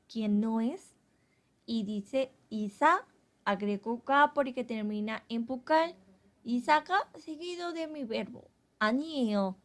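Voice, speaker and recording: A woman teaching a Korean grammar lesson, explaining slowly and carefully. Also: a little high. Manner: slow, carefully spelled-out explanations.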